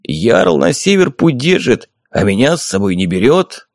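A man voicing a boozy, bearded middle-aged warrior who pleads and complains in shrill outbursts. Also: very animated, unhurried, creaky, no echo, clean studio sound. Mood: whining.

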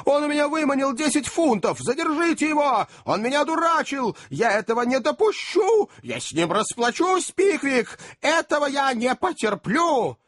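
A man doing a shrieking, frantic gentleman. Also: very high voice, big pitch swings, moderate pace, hardly any pauses, dry recording, studio quality, voice pushed up, exaggerated voice. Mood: hysterical. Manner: shrieking, incoherent. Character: swindled gentleman in a frantic rage.

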